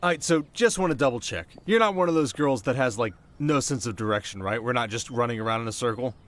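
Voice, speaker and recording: A man voices a cocky, teasing delinquent teenage boy in an ASMR roleplay, speaking one-sided dialogue directly to the listener over background music. He's casual, wry and sarcastic, teasing and skeptical, sometimes flustered. His medium-pitched voice is expressive and fast, close to an everyday voice.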